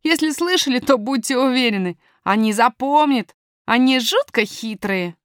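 A bold, earnest young miner boy from a storybook, put on by a woman reader. He speaks firmly and matter-of-factly, in a high, lively voice. The sound is close and dry. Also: normal speed, clean tone, no room sound, lightly acted. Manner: firm, matter-of-fact, lecturing. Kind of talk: audiobook character voice.

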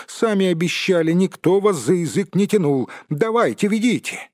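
A small male hobbit, voiced by a male storyteller, pitched up and louder than the narration. He insists and demands, trying hard to sound sure of himself. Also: expressive, normal speed, no echo, studio quality. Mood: insistent. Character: small male hobbit, tense but stubborn.

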